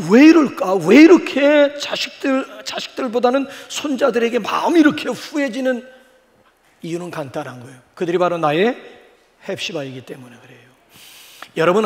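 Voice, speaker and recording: Older man preaching in a reverberant hall. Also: high-pitched. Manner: animated, folksy storytelling with sudden exclamations. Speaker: pastor. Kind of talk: sermon.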